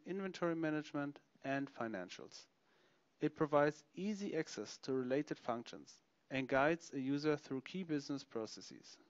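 A man narrating a software product demonstration, explaining features step by step as he clicks through them. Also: medium pitch, no echo, muffled recording. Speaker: software demo presenter.

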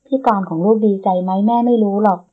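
A woman voicing a gentle, loving middle-aged mother who teases softly, in a storybook reading. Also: mid-range voice, fast, breathy edge, natural voice. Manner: soft, teasing, warm-hearted. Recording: dull lo-fi recording.

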